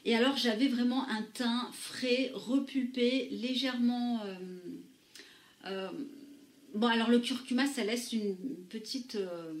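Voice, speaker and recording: A woman chats through her beauty favourites in a relaxed review. Her voice sits a touch high, and she stops often to search for words. The room around her has a noticeable echo. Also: slow pace. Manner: chatty with frequent hesitations. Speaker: beauty vlogger. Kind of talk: casual product review.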